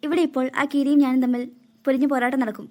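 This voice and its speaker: A woman voicing a snake queen in human form in a cartoon, gentle and motherly toward children while keeping her secret. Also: sits high, flat delivery, rapid-fire, close to an everyday voice. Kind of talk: cartoon voice acting.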